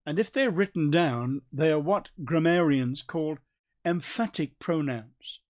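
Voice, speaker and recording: Man giving an emphatic Bible study talk. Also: a little high. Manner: explanatory, emphatic on key words. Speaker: Bible teacher.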